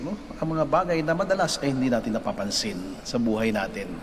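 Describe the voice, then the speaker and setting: Filipino priest preaching in a big church, slow careful delivery, cathedral echo trailing off, faint noise underneath. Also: male voice, medium pitch. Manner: measured, deliberate delivery with frequent tag "no?". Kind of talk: Mass gospel reading and homily. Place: large church. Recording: long church reverb, faint background noise.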